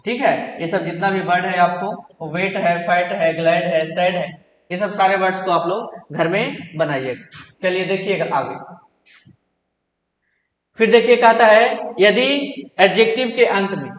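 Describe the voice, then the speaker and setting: A man's voice: high-pitched, a little slow, muffled recording. A man teaching an English grammar lesson in Hindi, asking questions and answering them himself in a repetitive drilling way. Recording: echoey hall, roomy reverb.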